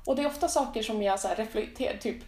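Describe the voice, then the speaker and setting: A woman, co-hosting a podcast in casual chat, blunt and playful and quick to swear. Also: fairly high pitch, dark tone. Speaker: podcast co-host. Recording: roomy echo.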